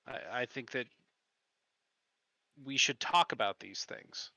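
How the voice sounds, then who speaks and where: A nervous woman inventor apologizes and pleads for calm, soft and halting, as a man plays her. The tone is bright and close, with no room sound. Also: medium pitch, creaky, dry recording, exaggerated voice. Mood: apologetic, earnest. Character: anxious, apologetic woman tinkerer, conflict-shy.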